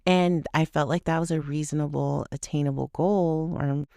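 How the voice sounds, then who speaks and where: A woman's voice: sits low, steady tone, moderate pace, warm tone, no room sound, clean studio sound. A woman in her thirties hosting a podcast, talking casually and with laughs through a personal story, often quoting herself and others. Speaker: podcast host. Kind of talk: personal reflection monologue.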